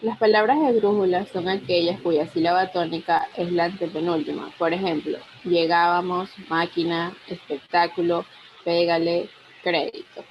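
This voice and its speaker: A woman's voice: lowish voice, steady tone, moderate pace, a little hiss or hum. A young adult woman giving a university class presentation, reading steadily and listing example words one by one. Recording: dull lo-fi recording.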